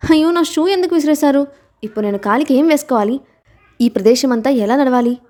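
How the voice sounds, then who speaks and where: A woman reading an audiobook aloud and voicing an emotional young wife who is quick to protest, her pitch and volume lifting a little above her narration. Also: mellow, lightly acted. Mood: indignant.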